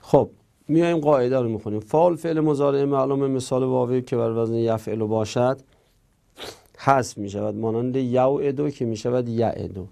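Male teacher, a bit of fry in a warm low-toned voice, steadily reading out rules and explaining them. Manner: methodical, reads rules aloud then explains them. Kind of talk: grammar lesson.

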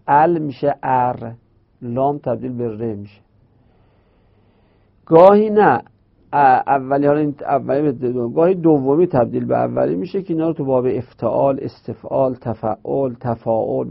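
A man delivers a grammar lesson at a middle pitch, his voice gravelly with fry. He brings the rules to life by acting out playful dialogues. The recording is dull and lo-fi. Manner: explains with playful dialogues between letters. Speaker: teacher of Arabic grammar. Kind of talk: classroom lecture.

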